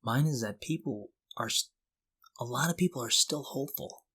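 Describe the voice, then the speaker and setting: Lively intonation marks this middle-aged man's medium-pitched, fairly bright and slightly rough voice as he co-hosts a podcast at a moderate pace. He talks casually in an earnest, motivational way, encouraging listeners and asking them questions.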